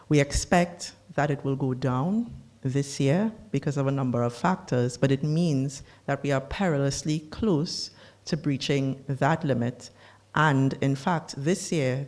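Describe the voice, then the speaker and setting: A speaker giving a formal policy briefing on climate negotiations, measured and deliberate, with the odd dry aside. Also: mid-range voice, darkish tone.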